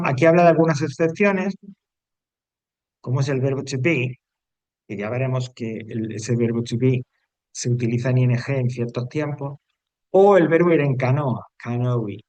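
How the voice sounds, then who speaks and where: This English teacher's voice sits in the mid range and sounds a little mellow, captured close and dry without any room sound. Teaching grammar to a class, he patiently goes step by step, repeats the rules and keeps asking "¿vale?".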